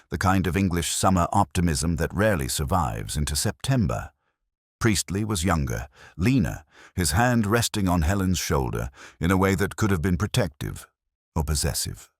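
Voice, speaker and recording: This man's very low, rumbling voice takes on a sing-song quality as he narrates a first-person detective story in a measured, reflective way. It's recorded dry and up close.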